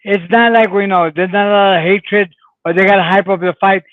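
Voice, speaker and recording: A man's voice: sits high, fairly even intonation, a little fast, dry recording. A man hosting a boxing talk show from a remote line, making short, emphatic remarks. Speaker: show host. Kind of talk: casual boxing chat. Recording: tinny phone-like line.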